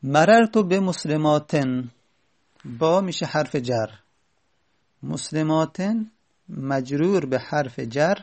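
Gravelly man teaching grammar patiently. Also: a little high, darkish tone. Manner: patient, repeats key points with stress. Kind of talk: Arabic grammar lesson.

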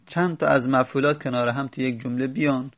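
A man's voice: mid-range voice, fairly even intonation. A man teaching a grammar lesson, explaining step by step and stopping to correct himself. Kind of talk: spoken classroom lesson.

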